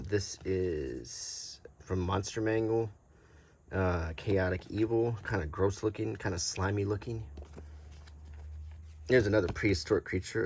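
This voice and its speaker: Over slight background noise, a low-voiced man of middle age or older chats through unscripted show-and-tell. As host of a hobby collecting channel, he wanders easily from thought to thought.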